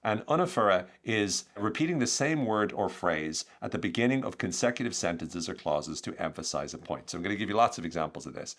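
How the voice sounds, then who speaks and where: A man hosting a podcast, explaining techniques in an energetic, conversational way with lots of examples. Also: sits low, a little fast, few pauses. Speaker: podcast host, communication coach.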